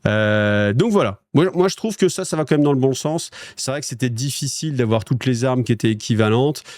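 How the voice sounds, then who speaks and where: A man's voice: mid-range voice, expressive, brisk, a little mellow, dry recording, clean studio sound. A French man hosting a wargaming news show, chatting casually with viewers in a rambling way, with lots of fillers and restarts. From France.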